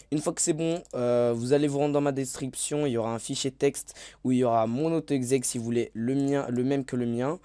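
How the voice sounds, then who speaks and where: A man's voice: medium pitch, fairly even intonation, normal speed, mellow, dry recording. A man giving a casual video game tutorial voice-over, hesitant, with many fillers and self-corrections. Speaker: gaming tutorial YouTuber.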